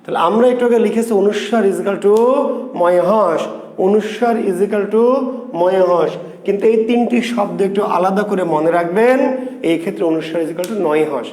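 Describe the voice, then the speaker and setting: A man's voice: high-pitched, normal speed, darkish tone, reverberant. A man teaching grammar, playful and teasing, quizzing students by name. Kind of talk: online grammar lesson.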